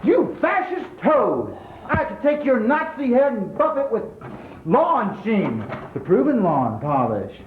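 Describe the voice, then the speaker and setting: A man's voice: very high-pitched, wildly swooping pitch, takes it slowly, noisy background, full character voice. A man in a comic debate sketch trading snide insults. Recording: tinny echoey lo-fi recording.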